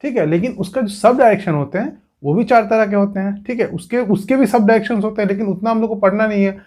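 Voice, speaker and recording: A man's voice: high-pitched, fast, a little mellow. A male coaching teacher explaining at a whiteboard, who keeps saying "theek hai" and puts rhetorical questions to his students. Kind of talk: exam coaching lesson.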